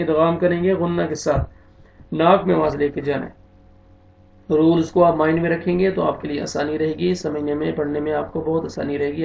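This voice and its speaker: A man teaching beginners to read the Quran, spelling out letters and vowel marks one by one, with quicker, quieter explanations of the rules. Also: a little high, vocal fry, highs cut off. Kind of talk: slow spelled-out recitation lesson.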